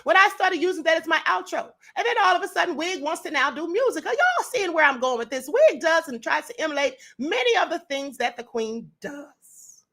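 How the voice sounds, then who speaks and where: A woman's voice: extremely high pitch, expressive, fairly quick, pushed and bright. A woman with an American accent hosting an online exposé, talking straight to her viewers in a smug, sarcastic, taunting way. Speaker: online video host.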